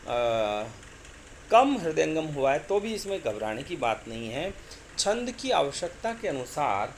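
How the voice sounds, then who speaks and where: Slow-spoken man teaching Hindi poetics. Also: fairly high pitch, a little hiss or hum. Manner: slow, repeats words, chants couplets drawn out. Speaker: college lecturer. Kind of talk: explaining Hindi poetics lecture.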